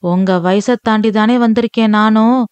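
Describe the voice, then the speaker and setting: A woman's voice: a little high, steady tone, normal speed, darkish tone, smooth, dry recording, dull audio, lightly acted. A woman reading an audiobook, voicing a loving, teasing old grandmother with folksy, affectionate speech.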